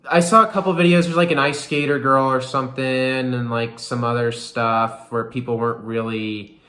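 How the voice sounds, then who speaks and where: A man's voice: mid-range voice, steady tone, normal speed, pushed and bright, reverberant. A young man giving a casual recovery update on his vlog, rambling with lots of "like" and "you know.". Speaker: vlogger.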